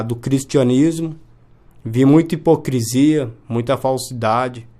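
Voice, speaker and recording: A man's voice: medium pitch, darkish tone. Earnest man, mid-range voice, testimonial interview delivery. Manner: earnest, often asks "entende?".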